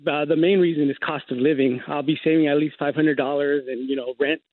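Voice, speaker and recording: A man's voice: fairly high pitch, fairly even intonation, a little fast. A man calling in to a radio show who speaks plainly, with lots of fillers. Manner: plain-spoken, with many fillers. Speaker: caller. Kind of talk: call-in conversation. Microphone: phone line. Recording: tinny phone line.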